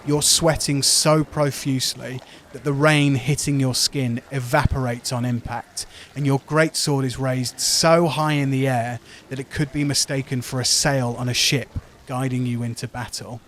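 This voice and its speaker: A man running a tabletop game, narrating dramatically and descriptively with deliberate pauses. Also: mid-range voice, fairly even intonation, a bit bright, a little hiss or hum. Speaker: game master.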